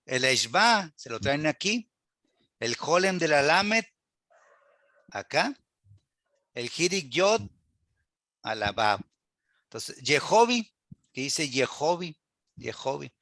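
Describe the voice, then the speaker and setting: A man teaches a church Bible class in a high, bright voice. He asks rhetorical questions and quotes scripture aloud with earnest emphasis. The sound is dry and close. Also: sing-song, slow pace, pauses often, no echo.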